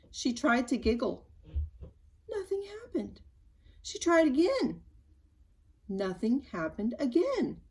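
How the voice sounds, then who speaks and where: A woman reading a children's storybook aloud, gentle and expressive. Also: mid-range voice, slightly rough. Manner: expressive, gentle, animated emphasis. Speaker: story reader.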